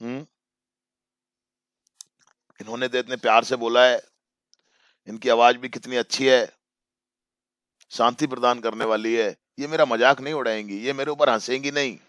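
A man teaching an English story to students, reading each line slowly and then explaining it in his own words. His voice is crisp and resonant at a mid pitch. The recording is dry, with no room sound. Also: steady tone, fairly bright tone, no echo. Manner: repeats phrases for emphasis. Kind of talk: bilingual classroom lesson explaining a story.

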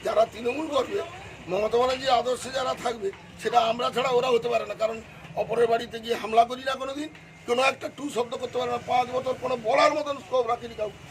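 A man's voice: very high voice, steady tone, fast talker. An older man with a West Bengal Bengali accent, a former councillor, agitatedly recounting an attack on his home to a reporter. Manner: agitated, acts out the quarrel in quoted speech. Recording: noisy outdoor street recording.

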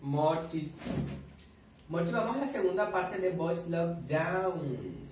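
A man's voice: a little high, slow, slight background noise. Chatty guy in an echoey room. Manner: chatty and expressive, swears a lot, eats while talking. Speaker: reaction vlogger. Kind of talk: casual reaction commentary. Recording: very echoey room, far from the mic.

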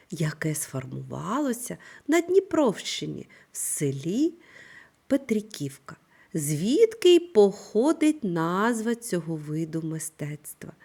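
A woman teaching a primary school reading lesson, speaking slowly and clearly in an instructive manner. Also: on the low side. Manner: slow, clear, instructive delivery with lively intonation. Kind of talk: scripted online reading lesson.

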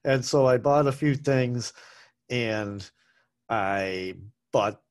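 A middle-aged food vlogger rambles chattily through a food review at home, correcting himself and wandering into asides. He speaks at a medium pitch and draws out his words. He sits at a desk microphone on a boom arm in a small room with posters, framed by a webcam.

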